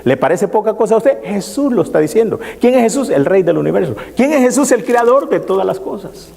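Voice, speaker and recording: A male pastor preaches in a halting, repetitive way, pausing often. His voice sits a little high and moves a lot in pitch, with a gravelly edge. It rings out with the long reverb of a church hall. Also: very animated, warm tone. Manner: preaching with many pauses and repeated "hermano". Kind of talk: sermon.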